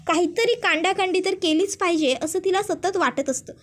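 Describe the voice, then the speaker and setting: A woman's voice: very high voice, brisk, a bit bright. A woman narrating a recap of a TV serial episode, linking the events with stock phrases.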